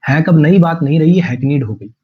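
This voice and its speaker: A man's voice: fairly high pitch, lively intonation, brisk, breathy edge, muffled recording. A man teaching English vocabulary to students in an online class, repeating words many times and drawling his English example sentences. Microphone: online class stream.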